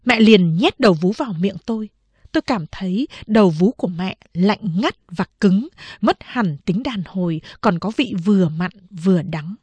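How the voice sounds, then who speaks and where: A woman calmly narrating a novel as an audiobook reader, in a steady storytelling manner. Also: medium pitch, moderate pace, slightly rough, dry recording.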